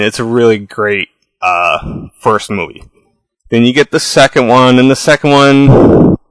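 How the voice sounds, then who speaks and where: A man's voice: mid-range voice, fairly bright tone, no room sound, rough recording. A man casually reviewing horror sequels, opinionated and rambling, with many fillers and restarts. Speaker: movie reviewer. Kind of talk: casual spoken film review.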